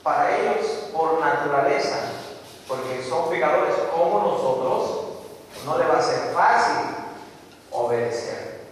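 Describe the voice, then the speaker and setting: A man preaching a sermon to his congregation, telling stories with lively delivery and putting questions to the listeners. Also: a little high, measured pace, slight background noise. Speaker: pastor. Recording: echoey hall recorded from far off.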